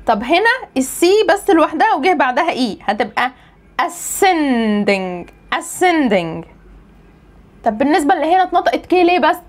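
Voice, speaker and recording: A woman's voice: sits high, quick pace. A young woman with an Egyptian Arabic accent, an English pronunciation trainer, explaining a lesson and answering her own questions. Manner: lively teacher, asks and answers own questions.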